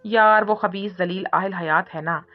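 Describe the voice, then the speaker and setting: A woman voicing a feisty, defiant young heroine who snaps back with quick scolding retorts in an audiobook reading. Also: mid-range voice, natural voice. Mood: angry. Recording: muffled recording with soft music.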